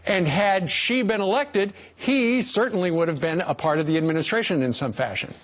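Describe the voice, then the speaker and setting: A man's voice: high voice, normal speed. A male TV news host leading a morning interview, asking leading questions and chiming in to agree.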